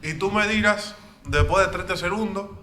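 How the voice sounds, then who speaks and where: Anfitrión de pódcast, hombre, que entrevista en tono de charla con voz clara y brillante. La grabación suena con eco, en una sala resonante. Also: male voice, sits high, moderate pace, sharp tone. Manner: conversational, asks questions directly. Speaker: podcast host. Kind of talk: casual interview chat. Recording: echoey room.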